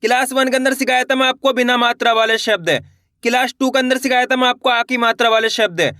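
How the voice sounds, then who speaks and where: A man's voice: very high-pitched, steady tone, quick pace, pushed and bright, no room sound. Man, teacher, repeats words and asks questions, dry close sound. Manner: repeats words and quizzes the viewer. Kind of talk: slow spelling lesson for beginners.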